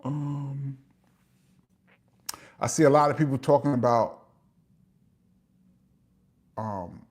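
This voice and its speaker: A middle-aged man with a New York accent, hosting a casual live chat and reading out viewer comments, chatty, with frequent "um" fillers and laughs. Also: medium pitch.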